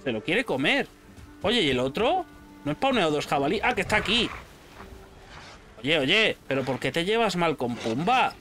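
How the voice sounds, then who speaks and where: A man with a Spain Spanish accent giving casual, excitable gameplay commentary, shouting at pets and swearing freely. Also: fairly high pitch, normal speed, pauses often, faint music behind. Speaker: gaming channel host.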